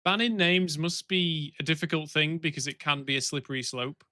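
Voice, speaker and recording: A man's voice: a little high, moderate pace, bright, forceful tone, dry recording. A man co-hosting a game stream, casually reading chat and chatting along. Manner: reads chat messages aloud, easygoing. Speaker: stream co-host.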